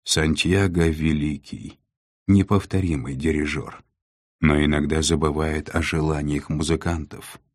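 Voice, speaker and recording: Calm commanding dark lord voiced by a man, male, deep voice, measured, dry recording. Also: dry recording. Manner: weighty, unhurried, measured.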